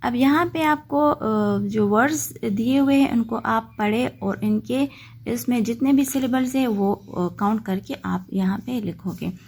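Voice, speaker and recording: A woman teaching a textbook lesson, reading English lines slowly and then explaining them patiently. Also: fairly high pitch, gravelly, darkish tone. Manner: patient, checks in with "okay" often.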